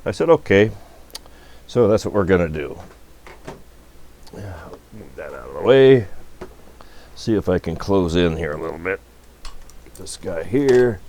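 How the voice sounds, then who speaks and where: A man with a low, slightly mellow voice presents radio repair at an electronics workbench, animated but unhurried, leaving long pauses as he thinks aloud through a hands-on demo. The recording is noisy with an electrical hum.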